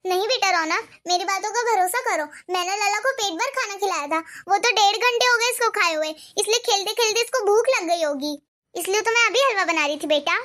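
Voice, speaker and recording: A woman voicing a gentle widowed grandmother in a cartoon, speaking in a soft, pleading and tender way. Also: extremely high pitch, brisk. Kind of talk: cartoon voice acting.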